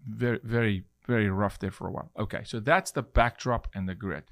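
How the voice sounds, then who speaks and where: Low-voiced South African man hosting. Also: fairly even intonation, brisk, no room sound, studio quality. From South Africa, Johannesburg. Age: 40s. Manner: conversational, restarts often. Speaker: podcast host. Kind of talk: casual interview chat.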